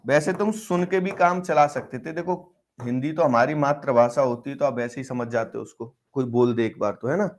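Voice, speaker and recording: A man's voice: mid-range voice, a little fast, few pauses. A man teaching a live online math class, coaxing and quizzing his students as he explains. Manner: coaxing, quizzing students, switching between Hindi and English terms.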